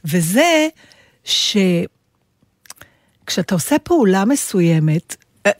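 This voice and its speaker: A woman's voice: medium pitch, very animated, dry recording. Woman cohost, talks a lot, keeps restarting sentences, dry studio sound. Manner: talkative, thinks aloud, restarts sentences. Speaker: radio co-host. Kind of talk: casual talk-radio discussion.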